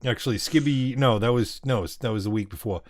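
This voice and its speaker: A man's voice: mid-range voice, fairly quick, no room sound. A man co-hosting a podcast, an easygoing storyteller who laughs often and swears. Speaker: podcast co-host. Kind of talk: casual chat.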